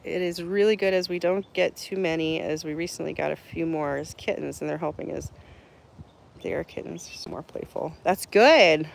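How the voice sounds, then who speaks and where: A woman's voice: low-pitched, normal speed, creaky. A woman chatting casually on a live stream while she tends her horses outdoors, answering viewers and cooing at the animals in baby talk.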